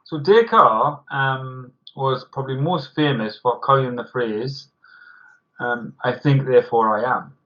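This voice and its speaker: A man's voice: mid-range voice, measured pace, fairly bright tone. A man, chatting casually over beers and explaining a philosophy idea at length with many ums and hedges. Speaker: social worker podcast co-host. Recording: muffled lo-fi recording.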